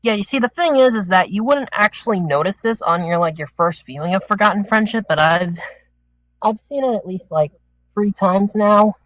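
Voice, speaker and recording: A man's voice: high voice, animated, moderate pace, fairly bright tone, no room sound, highs cut off. A man chatting on a group podcast call, a little out of breath and rambling through his points. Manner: rambling, restarts with "the thing is". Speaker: podcast panelist. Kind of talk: casual group discussion.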